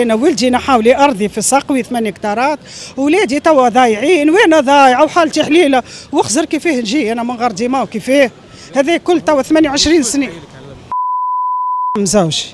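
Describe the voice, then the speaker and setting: A middle-aged woman with a Tunisian accent, speaking in an agitated, pleading, emphatic way in a street interview. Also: high voice. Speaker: interviewee airing a grievance. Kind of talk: street interview, impassioned complaint. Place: outdoors on a busy city street. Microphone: handheld reporter microphone.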